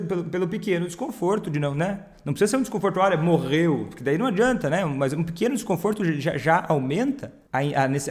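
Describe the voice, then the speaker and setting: Man, counselor, advice talk, rhetorical questions, fairly high voice. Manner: conversational, explains with many rhetorical questions and acted quotes. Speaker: family counselor on alcoholism. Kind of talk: direct-to-camera advice talk.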